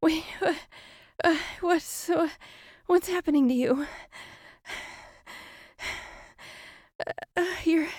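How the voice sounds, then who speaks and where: A woman voicing a female shapeshifting monster in an erotic audio role-play, breathy and halting, with sighs and drawn-out words. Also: high-pitched, a little mellow, no echo, studio quality, full character voice. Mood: panicked, pleading. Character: predatory female shapeshifting monster, seductive captor turned panicked prey.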